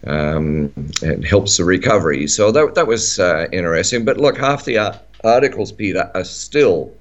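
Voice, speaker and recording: A man's voice: low-pitched, lively intonation, normal speed, highs cut off. A middle-aged man with an Australian accent, chatting on talk radio, rambling with many fillers and restarts. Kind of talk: casual talk radio chat.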